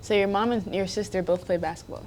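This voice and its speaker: A woman's voice: medium pitch, fairly even intonation, fast, a little mellow, slight background noise. A young woman hosting a podcast and interviewing a teammate in a friendly, chatty way. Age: young adult. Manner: friendly, chatty, asks loose questions.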